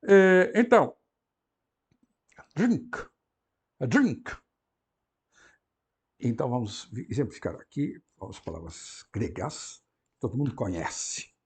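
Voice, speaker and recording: A man teaching an introductory Greek class, explaining pronunciation slowly and deliberately and often adding tag questions. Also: medium pitch, wildly swooping pitch, breathy edge. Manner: slow and deliberate, frequent "não é?" tag questions. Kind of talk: university lecture.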